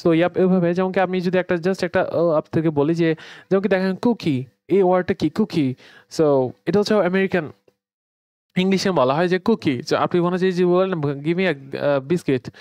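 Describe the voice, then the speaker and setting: Man from Bangladesh, grammar teacher, conversational, slightly high voice, smooth, dry close sound. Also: moderate pace, darkish tone, dry recording. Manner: conversational, mixing English words into explanations. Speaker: English teacher. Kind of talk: online grammar lesson.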